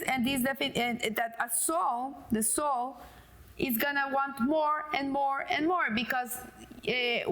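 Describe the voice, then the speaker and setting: Woman, high voice, middle-aged, casual religious teaching, halting delivery with fillers. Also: fairly bright tone. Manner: hesitant, many fillers and restarts, tells jokes. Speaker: Torah teacher.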